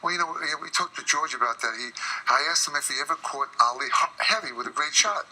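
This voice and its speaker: A man's voice: fairly high pitch, fast talker, bright, forceful tone, husky, poor audio. A man speaking as a talk show guest, rambling enthusiastically. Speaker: studio guest. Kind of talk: casual talk show chat.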